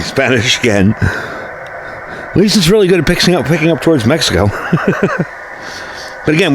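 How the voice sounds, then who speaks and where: Reviewing gear in a relaxed, informal way, this middle-aged American host talks things through in a fairly low-pitched voice. Background noise is audible as he works at an indoor workbench and then outside by the house.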